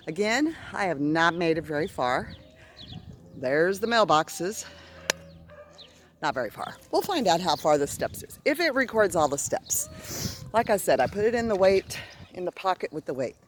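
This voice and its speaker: Walking through her neighborhood, an Arizona woman of middle age narrates a casual vlog into a handheld phone camera. Her voice sits on the low side, and she talks chattily, cheering herself on while breathless, pausing for breath between phrases. Slight hiss or hum is audible.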